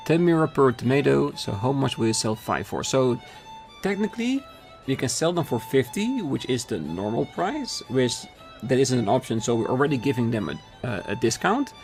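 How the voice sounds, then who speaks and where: A man hosting a let's play, reading the dialogue aloud and thinking through choices out loud, often apologetic and laughing. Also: medium pitch, very animated, moderate pace, gravelly, faint music behind.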